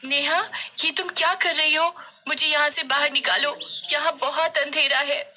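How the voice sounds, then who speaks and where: A woman's voice: sits high, fairly even intonation, moderate pace, pushed and bright, slight background noise, voice pushed up. A woman voicing a timid, poor schoolgirl, pleading and tearful. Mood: frightened.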